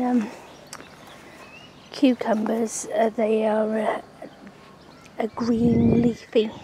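In a casual gardening vlog, a woman with a slightly high voice rambles through a tour of her sunny outdoor allotment, dropping in lots of ums. She's an allotment vlogger filming on a handheld camera while staying off screen, with noise in the background.

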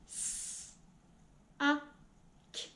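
A woman's voice: sharp tone, a little hiss or hum. A woman teacher using a half robot voice, sounding out words one clipped sound at a time for children. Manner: slow, clipped, evenly spaced sounds. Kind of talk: phonics lesson for young children.

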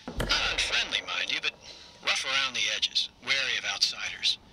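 A man's voice: mid-range voice, huge pitch swings, gravelly, very noisy. An actor playing a wry, observant man musing in a scripted video game audio log. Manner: wry, musing, measured wording.

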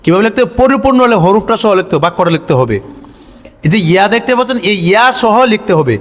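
A man teaching Quran reading. He spells out letters and vowel marks step by step, asks questions and answers them himself, and chants each syllable slowly. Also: high voice, expressive. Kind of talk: step-by-step recitation lesson. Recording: long hall reverb.

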